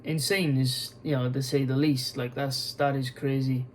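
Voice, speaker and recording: A man's voice: mid-range voice, level tone, normal speed, slight background noise, low-quality recording. A young man talking casually as an MMA video host, rambling with many fillers, restarts and frequent swearing, tired and yawning. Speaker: MMA YouTuber. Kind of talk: casual news commentary vlog.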